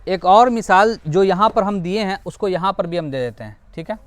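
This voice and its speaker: High-voiced man teaching Quran reading. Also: animated, no echo. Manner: explains slowly, repeats examples, asks and answers his own questions; drawls out example words slowly to model pronunciation. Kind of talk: classroom lesson.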